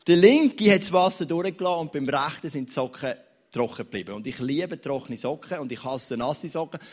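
A young man with a Swiss German accent preaching a sermon in church, telling stories with big swings between loud and quiet. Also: brisk. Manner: animated, storytelling, wide swings in pitch and loudness.

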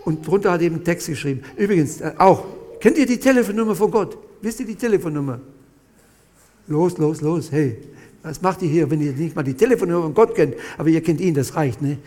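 A man giving a personal testimony to an audience, telling his story in a halting, animated way and speaking straight to his listeners. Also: fairly high pitch, long reverb tail.

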